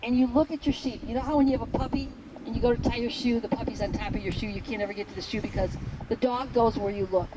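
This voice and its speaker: A woman herding instructor explaining a test to a class outdoors in a blunt, joking, animated way. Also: a little high, quick pace. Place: outdoors at a sheep field. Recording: outdoor recording with traffic noise.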